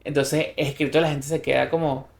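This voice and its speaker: A man's voice: on the high side, normal speed, gravelly. Venezuelan man in an echoey room. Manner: lively storyteller who acts out quoted dialogue. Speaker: podcast co-host. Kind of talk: casual chat. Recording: roomy echo.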